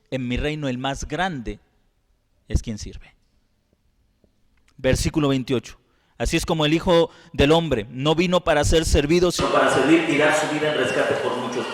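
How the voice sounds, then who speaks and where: A man's voice: a little high, a bit bright, recorded from a distance, slight background noise. A pastor preaching a sermon, emphatic and full of rhetorical questions to his congregation. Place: church sanctuary. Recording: echoey hall, voice from off-mic.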